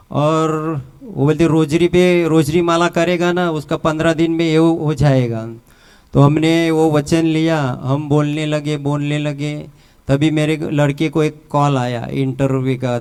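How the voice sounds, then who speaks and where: A middle-aged man with a Mumbai Hindi accent that mixes in Marathi words, telling his personal faith testimony at a church retreat in a halting, repetitive way. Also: on the high side, darkish tone, smooth.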